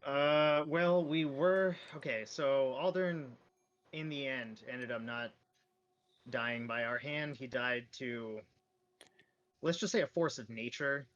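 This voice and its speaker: A man's voice: medium pitch, takes it slowly, pauses often, a bit bright, lo-fi sound. A man playing a tabletop role-playing game, casually telling events as his character.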